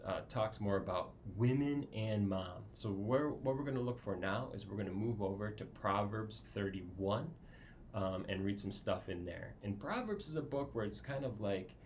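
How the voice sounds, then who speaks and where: Brief: low-pitched man, kids' Bible lesson teacher, easygoing and explanatory, faint hiss behind. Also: lively intonation, moderate pace. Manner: casual, explanatory, frequent "right?". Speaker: children's ministry teacher.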